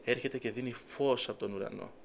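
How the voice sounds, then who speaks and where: A man's voice: medium pitch, steady tone, creaky, a little hiss or hum. A man giving a sermon testimony, telling his story earnestly with quoted dialogue. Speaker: preacher.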